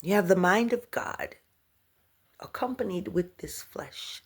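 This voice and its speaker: Gravelly with a breathy edge, her fairly low voice is expressive and measured as she gives viewers a casual spiritual talk. She often laughs, hums and scats between thoughts, restarts and repeats words, and calls her audience by pet names.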